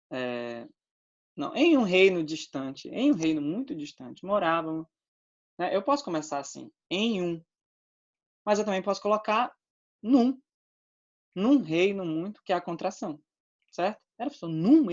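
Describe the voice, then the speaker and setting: A man's voice: sits high, lo-fi sound. A male teacher with a Brazilian Portuguese accent giving an online grammar lesson, explaining patiently and checking in often with his students.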